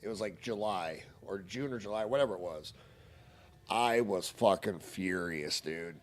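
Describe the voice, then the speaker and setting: A man's voice: low-pitched, a little slow. A man telling a story on a stream in a casual, heated, profane ranting manner.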